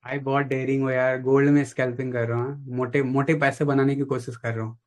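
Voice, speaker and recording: A man's voice: medium pitch, flat delivery, fast. A man talking as a trading mentor with a caller, casual and blunt, dropping in phrases. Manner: blunt, advising, mixes in English phrases. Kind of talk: casual live chat with a caller.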